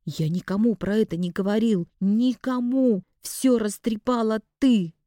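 A woman's voice: on the high side, steady tone, unhurried, warm tone, dry recording, clean studio sound, voice pushed up, close to an everyday voice. A woman voicing a cold, enraged man defending himself against accusations. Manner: icy then raging.

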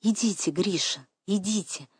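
A woman's voice: medium pitch, moderate pace, a little mellow, slightly rough, no room sound. A woman voicing a thin, frightened young woman who pleads breathlessly, in a dry, close recording.

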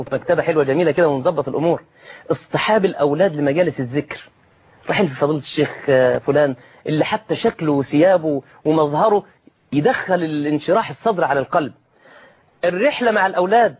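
A man preaching a sermon in an Egyptian accent, lively and direct, calling his listeners brothers and slipping in jokes. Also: a little high, very fast, breathy edge. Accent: Egyptian Arabic.

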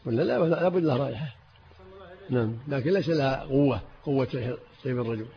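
Brisk older sheikh, lo-fi tape. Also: male voice, mid-range voice. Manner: brief answers, repeats words while searching for them. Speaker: sheikh commenting on hadith. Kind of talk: scholarly commentary at a reading session. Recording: dull lo-fi old tape with faint hiss.

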